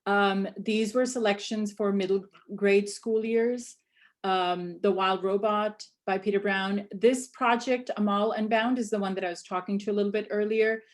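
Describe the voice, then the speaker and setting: A woman from Pakistan, working as an instructional coach, walks a room of educators through her talk. She speaks in a loose, conversational way, full of ums and false starts. Her voice sits in a middle pitch. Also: steady tone, moderate pace. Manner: conversational, many fillers and restarts. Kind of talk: conference presentation to educators.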